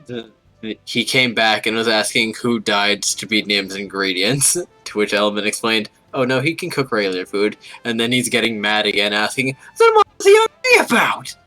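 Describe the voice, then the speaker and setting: A man's voice: lowish voice, fairly even intonation, moderate pace, sharp tone, no room sound. A man speaking casually in tabletop role-play, bantering and narrating in character, with music playing behind him. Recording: background music.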